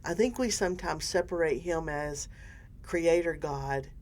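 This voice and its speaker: An older woman co-hosting a casual faith discussion, animated and rambling, often restarting her sentences. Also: sits low, unhurried. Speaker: podcast co-host.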